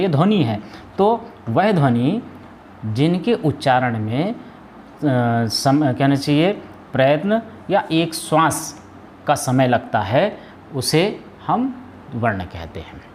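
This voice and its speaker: A man's voice: fairly high pitch, a little mellow, a little hiss or hum. A man teaching a Hindi grammar lesson, asking questions and then answering them himself, with frequent hesitations and restarts. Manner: explains step by step, asks and answers his own questions. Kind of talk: classroom lesson.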